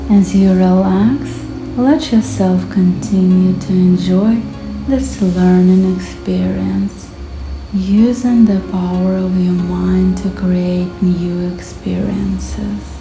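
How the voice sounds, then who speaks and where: A woman guiding hypnosis in a slow, calm, soothing hypnotist voice, with long pauses between short phrases. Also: on the low side, creaky. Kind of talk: slow guided hypnosis narration. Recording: echoey voice over background music. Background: music.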